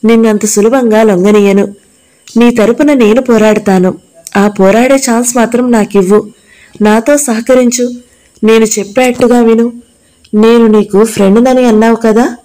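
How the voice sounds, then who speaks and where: A woman's voice: on the high side, steady tone, moderate pace, warm tone, lightly acted, rough recording. A woman reading the part of a kind young male doctor, speaking earnestly and reassuringly.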